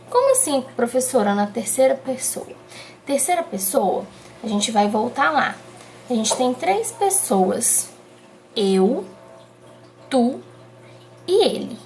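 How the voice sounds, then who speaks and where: A woman with a Brazilian Portuguese accent teaching a lesson, explaining slowly and stretching out key syllables for emphasis. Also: sits high, a little hiss or hum. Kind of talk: remote classroom lesson.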